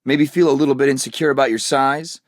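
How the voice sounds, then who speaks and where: A man's voice: mid-range voice, fairly even intonation, fast talker, no echo, close to an everyday voice. Captain America, a man voicing a determined American soldier. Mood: dry, wisecracking. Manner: resolute, dry wisecracking. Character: brave, determined young American super-soldier captain in wartime. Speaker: video game hero. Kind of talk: scripted video game voice lines.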